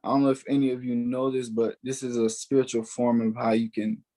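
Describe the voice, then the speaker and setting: A little fast and flat in delivery, his warm, medium-pitched voice carries an earnest personal spiritual testimony. The speaker is a man in his early twenties, Haiti-born and US-raised, who repeats key words for emphasis.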